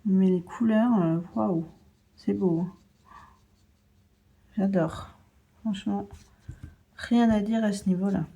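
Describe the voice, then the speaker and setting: A woman's voice: medium pitch, steady tone, slow, long pauses, dark tone, dull audio. A young woman chatting casually as she unboxes and swatches paints, narrating each step of her hands-on work with small asides. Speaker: art vlogger.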